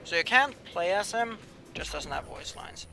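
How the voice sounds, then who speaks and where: A young male game streamer talks at normal speed in a slightly high, bright, forceful voice that he himself calls whiny. He's expressive and chatty, reading chat in casual live-stream commentary and mumbling asides to himself while he plays, with music clearly audible behind him.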